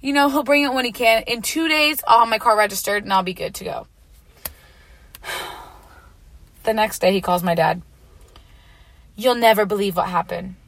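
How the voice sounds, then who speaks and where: A young woman in her late teens telling a personal story in a chatty, animated way, full of filler words. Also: mid-range voice, moderate pace, gravelly, pauses often, dry recording. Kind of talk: casual storytime chat.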